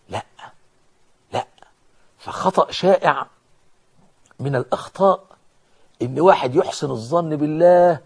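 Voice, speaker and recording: Egyptian guy preaching, kinda husky voice, a bit high, hits words hard then goes quiet and slow. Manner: emphatic, swings between loud stresses and hushed, drawn-out phrases. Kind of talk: sermon.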